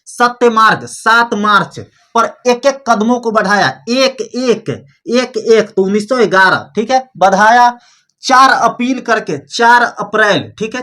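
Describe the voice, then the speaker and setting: A man's voice: high voice, sharp tone. A man teaching an exam-prep lesson in a chatty, coaxing way, repeating each memory trick several times.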